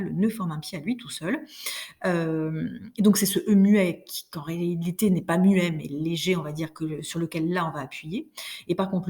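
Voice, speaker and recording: A woman teaching a French class in a recorded online lesson, explaining patiently with many fillers and reading verse slowly. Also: fairly low pitch, a little mellow.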